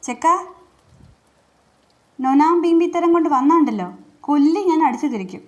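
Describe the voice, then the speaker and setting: An anxious, sharp-tongued old aunt who grumbles and scolds the children. A woman reads her aloud in a high voice, in a storybook reading. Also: normal speed, muffled recording, close to an everyday voice. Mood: scolding.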